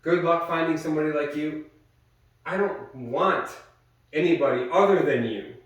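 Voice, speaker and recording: Angry, foul-mouthed man arguing at home; fairly high voice, captured from across a very echoey room. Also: normal speed, dull audio. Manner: angry, swearing, shifts between yelling and low muttering. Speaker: partner in a domestic argument. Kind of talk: heated argument. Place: house, indoors. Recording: echoey room, voice far from the mic.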